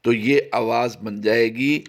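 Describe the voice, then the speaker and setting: A man teaching Quran reading in a recorded tajweed lesson, explaining patiently and chanting each sample word long and high. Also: steady tone, slow pace, vocal fry.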